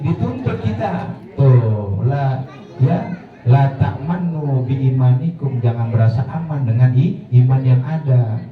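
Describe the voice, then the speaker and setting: A man gives an informal religious talk to a study circle. He is lively and jokey, and acts out little voices. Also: mid-range voice. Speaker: preacher at a women's study circle. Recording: echoey hall, distant mic, muffled.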